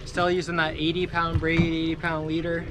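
Here the fishing channel host, a young adult, narrates casually and chattily about his gear and fishing spots, sounding upbeat. His voice sits fairly high, the delivery is completely flat and the pace moderate, with music playing behind him. Scenes come from an open boat at sea and from a room indoors.

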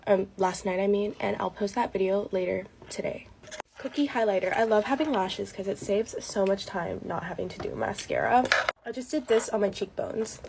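A woman's voice: medium pitch, creaky, very noisy. A teenage girl chatting casually through a get-ready-with-me makeup vlog, full of fillers like "like" and "um". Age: late teens. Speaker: beauty vlogger.

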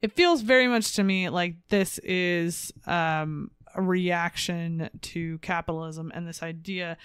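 A woman's voice: fairly low pitch, slow pace, clean tone, dry recording, clean studio sound. A woman co-hosting a podcast in casual chat, candid and opinionated, laughing often. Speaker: podcast co-host.

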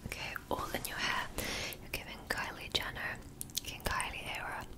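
A woman in her twenties doing a whispered role-play in ASMR style, close to the mic, coaxing the listener softly with wet mouth sounds. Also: normal speed. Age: 20s. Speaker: ASMR creator. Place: small indoor room.

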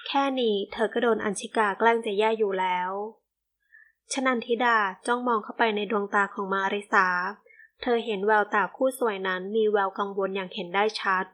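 This audiobook is read by a woman whose mid-range voice stays steady and measured as she narrates a novel.

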